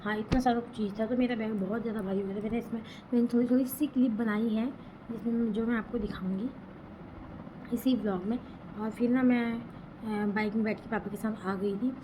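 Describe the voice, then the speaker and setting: A woman's voice: a little high, steady tone, fairly quick. A young woman vlogger telling a personal story in a chatty, rambling, emotional way. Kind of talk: casual storytelling vlog. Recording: background noise.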